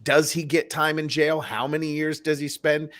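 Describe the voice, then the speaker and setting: A man's voice: on the high side, level tone, normal speed, a bit bright. Preachy male talk show host. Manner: preachy, turns to address the audience.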